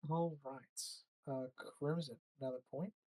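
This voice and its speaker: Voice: mid-range voice, steady tone, dark tone. Laughing podcast co-host in casual chat. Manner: laughs often, stumbles into quick bursts.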